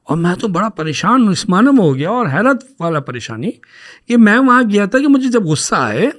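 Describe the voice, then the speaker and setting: High-voiced man telling a personal story. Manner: anecdotal, mixes English words into his speech; animated, acts out dialogue when retelling. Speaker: podcast guest telling his story. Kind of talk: casual podcast storytelling.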